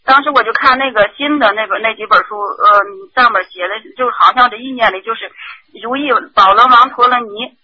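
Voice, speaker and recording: A man calling in to a radio show, describing a dream in halting, hesitant speech. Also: extremely high pitch, slightly rough, dull audio. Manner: halting, searching for words. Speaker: caller.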